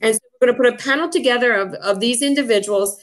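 Hosting a casual chat about upcoming member events, the association president speaks quickly in a fairly high voice. She's enthusiastic, repeating herself and filling her talk with fillers and restarts.

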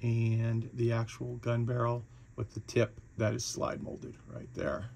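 Guy, mid-pitched, easygoing hobbyist walkthrough with lots of fillers. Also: unhurried, creaky, a little hiss or hum. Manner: relaxed, chatty, with frequent fillers and restarts. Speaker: hobby shop owner reviewing a model kit. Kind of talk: casual product walkthrough.

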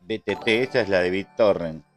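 A man's voice: deep voice, normal speed, faint music behind. A man with an Argentine accent hosting a casual live trading stream, chatting loosely and answering his viewers. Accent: Argentine Spanish. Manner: chatty, answers chat and thanks subscribers.

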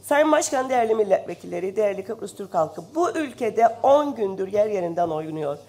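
At the rostrum microphone of a parliament chamber, a woman MP who is slightly ill speaks a little fast in an animated, mid-range voice. Her indignant, impassioned address rises into loud emphasis.

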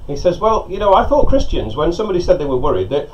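A middle-aged man, a pastor, preaching a sermon and telling stories in an animated way, recorded on a lapel mic outside on a porch. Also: fairly high pitch, fast talker, slight background noise. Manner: storytelling, animated, gesturing with hands. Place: covered porch outdoors by a lake. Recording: slightly dull sound with faint outdoor ambience.

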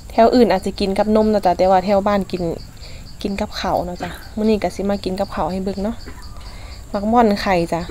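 A woman with an Isan accent chatting casually as she eats in a food vlog, using soft polite particles. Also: mid-range voice, steady tone, fast talker, slight background noise. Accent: Isan (Northeastern Thai). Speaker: food vlogger.

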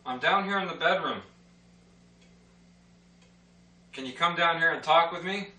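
A middle-aged man talking to a ghost as a paranormal investigator, calling out slow, coaxing questions into the room. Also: a little high, sharp tone. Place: small dark bedroom indoors. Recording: roomy, distant microphone with noisy hum.

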